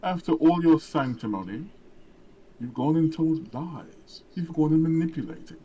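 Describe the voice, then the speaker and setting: A man's voice: fairly high pitch, animated, a little slow, dark tone, breathy edge, low-quality recording. A man voicing a haughty, commanding female knight who speaks in formal, scornful tones.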